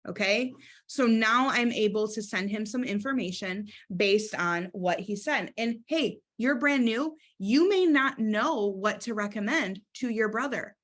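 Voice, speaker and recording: Young woman coaching new sellers, chatty and upbeat, a bit high-pitched, acts out little scripts. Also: expressive, measured pace, a bit bright. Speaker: sales trainer. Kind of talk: casual training talk.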